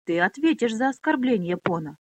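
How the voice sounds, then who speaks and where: A woman's voice: fairly high pitch, animated, normal speed, no room sound. A woman voicing a proud, fierce young girl speaking defiantly. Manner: defiant, angry.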